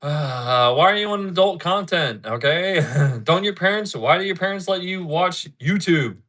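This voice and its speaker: A man's voice: on the high side, animated, unhurried, fairly bright tone. A man in his thirties chatting casually on a live stream, rambling, repeating himself and answering his chat. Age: 30s. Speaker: livestreamer.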